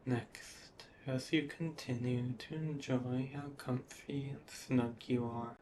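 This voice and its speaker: A man narrates a scripted guided hypnosis in a soothing, measured way with drawn-out pauses. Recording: steady background noise, low rumble.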